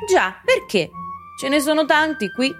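A woman's voice: sits high, very animated, unhurried, over music. A woman voicing a patient unborn girl in a children's fairy-tale audio play. She coaxes the boy and relays what an unseen voice says. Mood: coaxing, quarrelsome.

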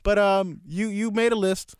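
A man's voice: sits high, fairly even intonation, normal speed, clear, resonant tone, no echo, clean studio sound. A man co-hosting a podcast in casual chat, playful and giggly. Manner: giggly, playful, laughs between lines. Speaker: podcast co-host.

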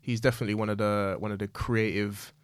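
A man's voice: lowish voice, flat delivery, quick pace, clear, resonant tone, dry recording, clean studio sound. A man with a London roadman accent chatting casually about football as a podcast co-host, using heavy street slang and repeating phrases for emphasis. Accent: London roadman, multicultural London English.

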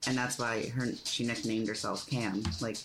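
A man's voice: mid-range voice, fairly even intonation, moderate pace, noisy background. A man co-hosting a podcast in casual chat, rambling and correcting himself as he talks, laughing often. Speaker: podcast co-host.

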